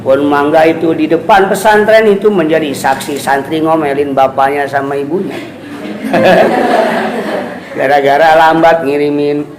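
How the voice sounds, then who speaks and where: A man's voice: a little high, fairly even intonation, normal speed, crowd noise. A man giving a casual religious lesson to students, chatty, often asking "right?" and acting out quoted voices. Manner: chatty, asks "ya kan?" often, acts out quoted voices with laughs. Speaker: Islamic teacher giving a kitab study. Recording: echoey room with faint ambient noise.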